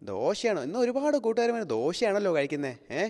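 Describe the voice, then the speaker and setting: A young man hosting a children's phone-in game show, calling the game with excited, sing-song, coaxing talk aimed at kids. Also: high-pitched, fast. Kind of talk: live game commentary for kids. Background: background music.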